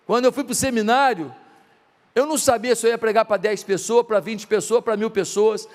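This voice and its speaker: High-voiced pastor preaching in a hall. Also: male voice, moderate pace. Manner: acts out quoted dialogue in softer voices; asks the congregation rhetorical questions. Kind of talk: sermon.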